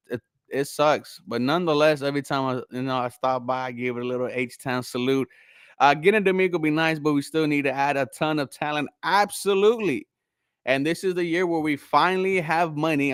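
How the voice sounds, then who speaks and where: A man's voice: mid-range voice, clean tone, no echo. A young man from Houston hosting a casual sports talk show, rambling with lots of fillers and answering chat. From Houston, Texas. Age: young adult. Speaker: host.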